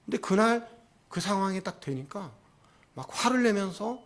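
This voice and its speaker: High-voiced man preaching a sermon. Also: animated, normal speed. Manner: storytelling, asks the congregation questions. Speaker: pastor.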